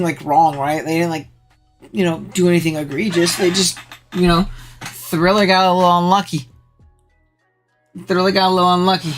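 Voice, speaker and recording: A streamer giving casual live commentary on a game match, slangy and excitable, with the voice jumping high when thrilled.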